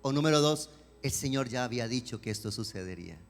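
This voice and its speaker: A man preaching a sermon as a pastor, swinging between emphatic questions and softer pleading. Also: mid-range voice, animated, fast, gravelly. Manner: preaching with rising emphatic questions and dramatic quoted voices. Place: church sanctuary. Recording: long church hall reverb with music behind.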